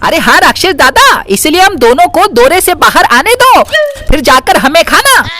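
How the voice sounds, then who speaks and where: A woman's voice: very high-pitched, big pitch swings, moderate pace, sharp tone, heavily acted. A woman voicing a cheeky, playful young boy in a cartoon. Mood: sly.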